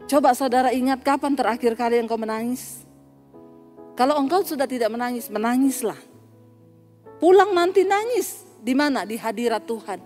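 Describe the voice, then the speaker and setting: A woman pastor giving an animated, emphatic sermon that keeps turning to address her listeners directly. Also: on the high side, normal speed. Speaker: preacher. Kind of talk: sermon with personal story. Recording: reverberant hall with faint music.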